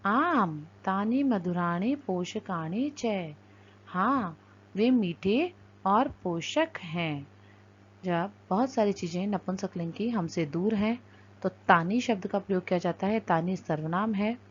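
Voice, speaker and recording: A woman teacher gives a lesson at a very slow, deliberate pace. She breaks words into single sounds and joins them back together. Her middle-pitched voice comes through a dull, lo-fi recording. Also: lively intonation, husky. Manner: slow, careful and deliberate, spelling out sounds one by one.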